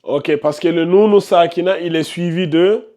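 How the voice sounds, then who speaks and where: A man's voice: a little high, measured pace, mellow. A man teaching Quran recitation rules to a live class, quizzing his students and repeating the key terms. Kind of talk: live classroom tajwid lesson.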